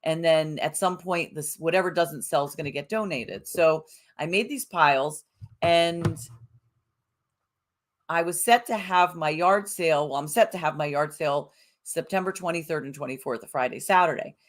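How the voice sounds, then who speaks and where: A woman's voice: low-pitched, normal speed. A middle-aged woman hosting a live-streamed self-help show, talking casually and bubbly to viewers, greeting them by name and rambling with fillers.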